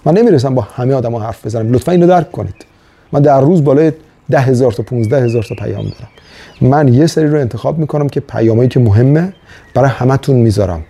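Middle-aged male professor, earnest motivational speaker, dark raspy voice. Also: mid-range voice. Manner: earnest, exhorting, storytelling. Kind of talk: motivational video monologue.

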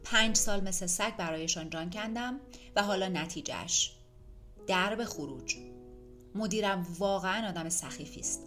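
A woman's voice: mid-range voice, a bit bright, faint music behind, lightly acted. A woman voicing a young man in a suit who was just fired, weary and bitter.

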